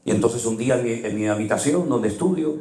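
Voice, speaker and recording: A middle-aged male pastor delivers a sermon, telling stories with feeling and voice that jumps high for emphasis. His voice sits at a middling pitch and rings out in an echoey room. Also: expressive, quick pace, dark tone. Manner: emotional storytelling with sudden rises in pitch.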